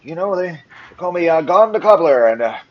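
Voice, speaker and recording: A man's voice: on the high side, animated, fairly quick, highs cut off, voice pushed up, lightly acted. A man voicing an overly talkative old male cobbler who rambles on and spits as he talks. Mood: rambling. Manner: rambling, prattling on. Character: chatty spitting old male cobbler villager.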